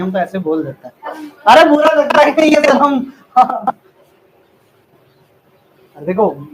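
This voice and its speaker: A man with a strikingly high voice teaches a classroom full of students, speaking. He teases and jokes, then fires off quick questions and repeats the answers back to drill them. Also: a bit bright, slight background noise, low-quality recording. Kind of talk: classroom lecture.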